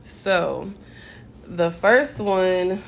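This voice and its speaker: A woman's voice: lowish voice, very slow, vocal fry, slight background noise. A woman co-hosting a podcast in a laid-back casual chat, joking and swearing freely. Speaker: podcast co-host.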